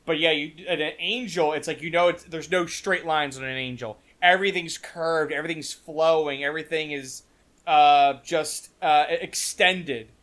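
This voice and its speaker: A man's voice: on the high side, steady tone, normal speed, fairly bright tone. A man chatting casually about a film scene, rambling with many restarts and fillers. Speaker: podcast co-host.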